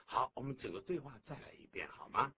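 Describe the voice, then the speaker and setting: A man presenting a radio English lesson, lively and patient, often asking the listener questions. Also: medium pitch, fast. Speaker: English teacher. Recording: dull, noisy old radio recording.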